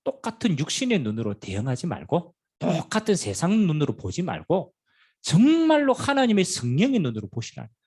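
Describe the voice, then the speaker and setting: Gravelly, lively man preaching a sermon. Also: on the high side, a little fast. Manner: animated preaching with sudden loud and quiet swings. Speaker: pastor. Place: church sanctuary.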